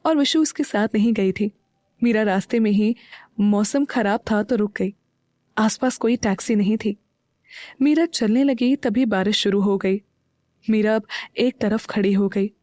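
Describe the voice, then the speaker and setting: Slow, dry-voiced woman narrator. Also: mid-range voice, dry recording. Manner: slow, even storytelling. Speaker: audio story narrator. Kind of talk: scripted narration.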